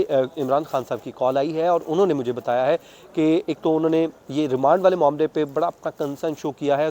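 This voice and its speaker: The voice here is a man's, fairly high and a little mellow, with a Pakistani accent. As a court reporter he gives a conversational, unscripted news account, detailing events step by step and using English legal terms along the way.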